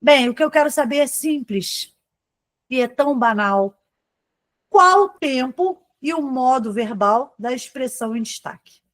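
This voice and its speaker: A woman's voice: high-pitched, animated, a little slow, fairly bright tone, no echo. Chatty Brazilian woman teaching online. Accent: Brazilian Portuguese. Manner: chatty, addresses students by name, frequent "tá?" and "né?" tags. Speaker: Portuguese teacher. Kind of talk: live online exam-prep class.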